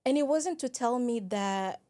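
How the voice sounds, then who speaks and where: Woman from congo, warm mellow voice, earnest and reflective, telling her own story on a podcast. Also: a little high, animated, measured pace. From Democratic Republic of Congo. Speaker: guest, program director. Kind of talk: personal storytelling in interview.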